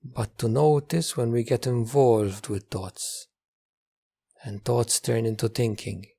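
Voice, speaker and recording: Husky and medium-pitched with some vocal fry, a man guides listeners through meditation as their teacher. His gentle instructions come slowly and calmly, with repeated phrases and long pauses.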